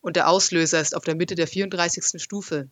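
A man reading a story aloud and voicing a calm young male helper who explains things quietly and plainly. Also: a little high, brisk, no room sound, close to an everyday voice. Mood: matter-of-fact.

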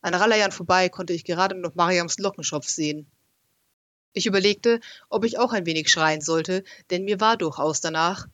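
A man narrates a first-person adventure story like an audiobook, telling it in a lively and expressive way. His voice is fairly high for a man. The recording is close and dry, with no room sound. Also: moderate pace, no room sound.

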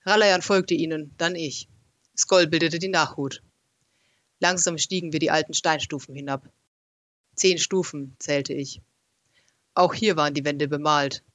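Telling a first-person adventure tale in audiobook style, a man narrates with lively, expressive delivery at a moderate pace. His voice sits fairly high for a male, and the recording is close and dry, with no room sound or echo.

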